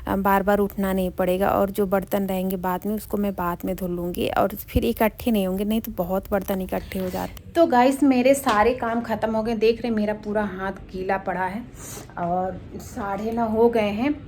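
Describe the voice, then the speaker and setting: Woman, casual home vlog, chatty, mid-pitched, faint background noise. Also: steady tone, normal speed. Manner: chatty, walks viewers through chores; speaks softly at times so neighbours are not disturbed. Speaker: vlogger. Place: home and kitchen, partly outdoors.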